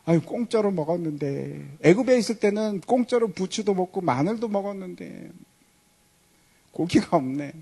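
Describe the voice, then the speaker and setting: A whiny crowd of hungry wanderers grumbling and moaning over their food, as a preacher puts them on. The voice sits high, swings widely up and down, and has a husky edge. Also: male voice, lively intonation, moderate pace, mellow, exaggerated voice.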